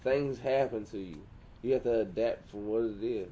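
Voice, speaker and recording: A man's voice: fairly low pitch, normal speed, mellow, a little hiss or hum. A man co-hosting a casual podcast, joking, swearing and slipping into goofy voices. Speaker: podcast co-host. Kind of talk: rowdy casual chat.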